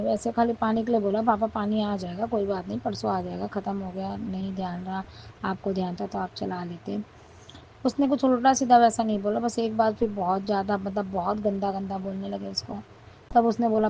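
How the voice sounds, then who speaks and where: A woman's voice: mid-range voice, creaky, dark tone, dull audio, a little hiss or hum. A middle-aged woman telling a recorded testimony about her family, earnestly thanking her guru again and again. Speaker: devotee sharing a testimony.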